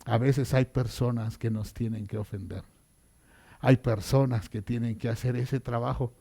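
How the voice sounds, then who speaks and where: A man preaching a sermon as pastor, dramatic and swinging between loud and hushed passages. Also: mid-range voice, fairly even intonation, normal speed, slightly rough.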